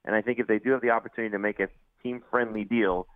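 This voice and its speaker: Male fantasy sports analyst, low voice, casual delivery, thin telephone-quality sound. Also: fairly even intonation, very fast, no echo. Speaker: fantasy football analyst, regular radio guest. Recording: phone-like narrow-band line.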